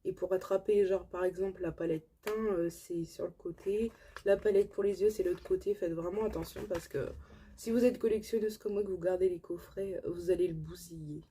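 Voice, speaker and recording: A woman's voice: fairly low pitch, steady tone, normal speed, warm tone, slight background noise. A woman with a French accent, casually chatting through a beauty haul to her viewers, enthusiastic and full of fillers. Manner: chatty, filler-heavy, enthusiastic about products. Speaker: beauty vlogger. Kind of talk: casual haul chat to camera.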